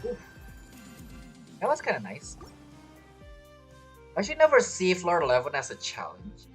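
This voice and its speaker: A game streamer offers casual, rambling commentary while he plays, musing and thinking aloud at a measured pace. His voice is high and swoops wildly in pitch. Faint game music plays behind him.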